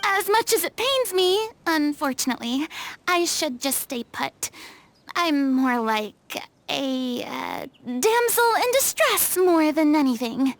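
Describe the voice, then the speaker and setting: Dramatic show-off ex-goddess, very high voice, swings all over, game cutscene. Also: female voice, expressive, slow pace, exaggerated voice. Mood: flustered bragging. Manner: dramatic, showy, flustered bluster. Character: theatrical, boastful young former goddess. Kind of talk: video game voice acting.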